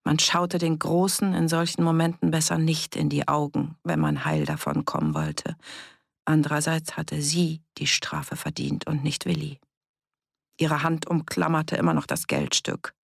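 A woman narrating an audiobook in a steady, measured storytelling manner. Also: deep voice, gravelly, breathy edge, dry recording, clean studio sound. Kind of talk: scripted narration.

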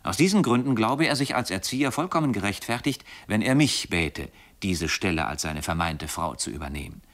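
A man with a fairly low voice narrates an audiobook in a steady, expressive storytelling manner. The reading is scripted and follows a classic literary text. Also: a little fast.

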